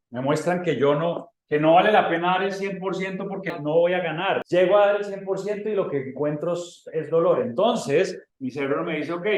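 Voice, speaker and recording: Mexican guy coaching a class, fairly high voice, keeps repeating stuff for emphasis, roomy echo. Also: darkish tone. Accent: Mexican Spanish. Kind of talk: in-person coaching lecture. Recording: echoey room.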